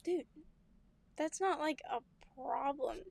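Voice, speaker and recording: A woman's voice: high voice, slow, creaky, a little mellow, dry recording. A young woman telling family stories in a casual chat, laughing often and acting out what people said. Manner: chatty storyteller, laughs often, acts out quotes. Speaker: podcast co-host.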